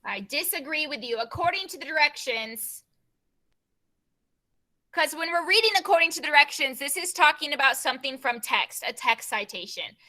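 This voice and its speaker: Bright-voiced woman teacher on a video call. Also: high voice, lively intonation. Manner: brisk, repeats prompts. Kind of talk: online class teaching.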